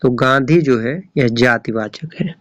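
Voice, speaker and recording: A man's voice: medium pitch, measured pace, a bit bright, no room sound, highs cut off. Man reading exam questions aloud, dry. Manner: reads each option aloud, then repeats the answer. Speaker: Hindi exam tutor. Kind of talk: reading quiz questions and answers.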